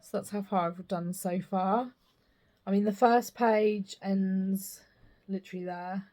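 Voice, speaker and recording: A woman's voice: mid-range voice, steady tone, measured pace, mellow. A British woman chatting casually to camera in a rambling, self-interrupting way, with slightly slurred speech from a missing front tooth. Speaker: stitching vlogger. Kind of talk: casual chat to camera about craft projects.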